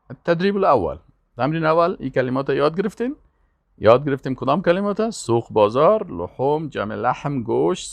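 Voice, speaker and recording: An older man, teaching Arabic vocabulary. He calls each word out slowly and loudly, then gives quick explanations. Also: mid-range voice, vocal fry, no echo. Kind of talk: classroom vocabulary lesson.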